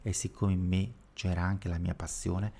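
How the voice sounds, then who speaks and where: A man reads prayers and devotional passages in a slow, reverent, measured way. His voice sits low and sounds very warm and mellow. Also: level tone, gravelly, husky. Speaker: reader of devotional texts.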